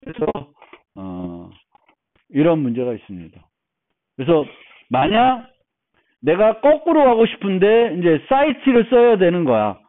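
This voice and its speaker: A man's voice: sits high, huge pitch swings, measured pace, pauses often. A male university lecturer giving a recorded programming lecture, explaining step by step with fillers and restarts. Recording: narrow phone-like audio.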